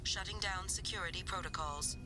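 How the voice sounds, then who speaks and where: A woman voicing a stern female security computer on a space station, making cold, formal announcements over an echoing loudspeaker. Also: lowish voice, a little fast. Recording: roomy game audio with music.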